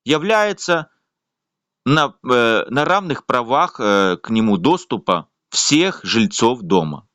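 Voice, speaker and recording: A male vlogger with a medium-pitched, slightly bright voice, recorded dry, complains at length in a casual video monologue. He sounds indignant and rambles, leaning heavily on fillers.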